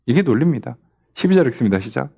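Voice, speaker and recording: A man's voice: medium pitch, big pitch swings, rapid-fire, vocal fry, dark tone, slightly rough. A man, a pastor, leading a casual Bible study and often asking his listeners rhetorical questions. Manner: casual, talkative, plays out quoted lines.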